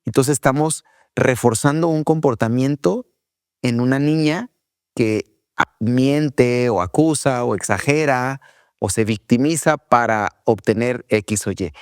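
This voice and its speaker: A man's voice: medium pitch, unhurried, smooth, no echo, clean studio sound. A man co-hosting a faith-based parenting podcast, talking casually and acting out children's whiny voices now and then. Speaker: podcast co-host, father.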